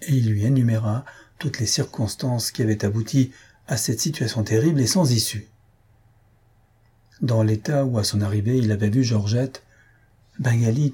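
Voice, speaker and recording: A man narrates a classic novel in a measured, expressive way. His voice is very husky, with a dark, mellow tone. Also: mid-range voice. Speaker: audiobook reader. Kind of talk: scripted narration.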